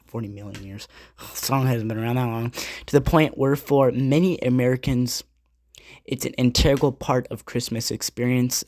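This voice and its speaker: A man with a slightly mellow, medium-pitched voice hosts a casual podcast, his nose blocked by a cold as he rambles through notes of album facts, full of asides and self-corrections.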